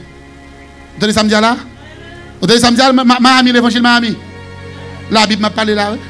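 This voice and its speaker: A man with a Haitian accent preaching a sermon as pastor, shouting and singing some phrases. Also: high-pitched. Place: church.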